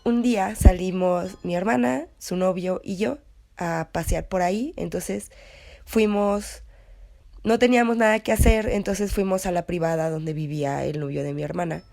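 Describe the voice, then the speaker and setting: A woman's voice: on the low side, moderate pace, gravelly, mellow, faint music behind. A young woman with a Mexican accent casually recounting a personal anecdote, rambling with many fillers and self-corrections. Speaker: story contributor.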